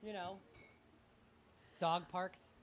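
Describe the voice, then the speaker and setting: Halting, rambling young man. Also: high voice, steady tone, a bit bright, slight background noise. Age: young adult. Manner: halting, rambling, self-deprecating. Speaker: comedian guest. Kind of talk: live talk-show interview.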